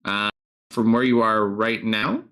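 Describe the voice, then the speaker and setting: A man's voice: fairly low pitch, unhurried, sharp tone. A man acting as game master, casually improvising narration and talking with his players.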